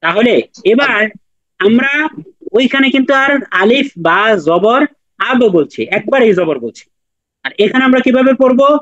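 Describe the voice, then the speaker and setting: A man's voice: very high-pitched, expressive, moderate pace, pauses often, a bit bright, no room sound, muffled recording. A man teaching Quran recitation in an online class, patiently repeating and drilling letter sounds with his students.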